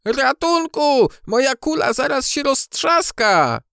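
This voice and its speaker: A man's voice: a little high, lively intonation, moderate pace, dry recording, clean studio sound, pitched above the performer's own voice. A man voicing a small, flustered male dung beetle in a storybook audiobook, talking in a panicky way. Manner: panicky, shouting.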